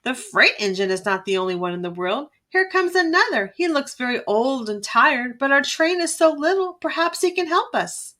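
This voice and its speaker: A woman's voice: high-pitched, lively intonation, normal speed, hardly any pauses, pushed and bright, pitched above the performer's own voice. A woman voicing a cheerful little toy clown in a storybook, eager and encouraging. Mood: eager, hopeful.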